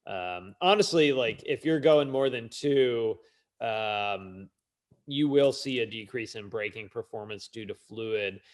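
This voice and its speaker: A man's voice: on the low side, slow. A middle-aged man co-hosting a casual podcast chat as a mechanic, talking bluntly and emphatically, swearing freely.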